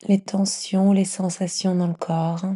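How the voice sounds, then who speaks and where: A woman with a fairly low, husky, mellow voice guides a yoga nidra meditation at a measured pace. She keeps everything very even and soothing, frequently dropping to a breathy whisper as she teaches.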